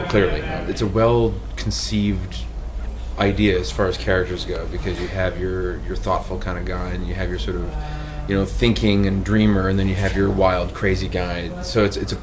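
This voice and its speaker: A man who works as a puppeteer answers interview questions. His voice is low and deep, and he talks in a reflective, halting way. A crowd murmurs clearly in the background.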